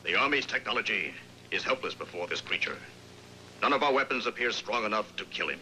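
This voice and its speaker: A man's voice: on the low side, expressive, brisk, sharp tone, slight background noise, rough recording. A man playing a grave, commanding army general in a dubbed science-fiction monster film.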